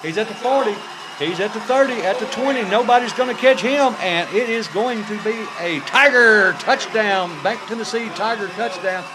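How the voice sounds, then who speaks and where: A man doing football play-by-play, his voice raised and excited in a touchdown call. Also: high-pitched, normal speed. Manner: excited, raised voice building through the run. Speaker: play-by-play announcer for high school football. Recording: live game broadcast with clear background noise.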